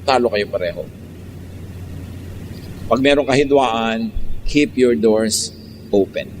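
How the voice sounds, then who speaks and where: Emphatic Filipino preacher in a hall. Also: male voice, mid-range voice, slow pace, slight background noise. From Philippines. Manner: switches between Tagalog and English, emphatic and teasing. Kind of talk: sermon.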